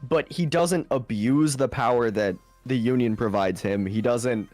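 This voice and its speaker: A man co-hosting a casual podcast, explaining things in a measured way. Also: medium pitch, darkish tone, no room sound, faint music behind. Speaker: podcast co-host. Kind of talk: casual chat.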